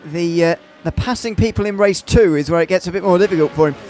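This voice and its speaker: A man's voice: high voice, quick pace, darkish tone, soft background music. A man commentating on a motor race, hesitant with many fillers and restarts.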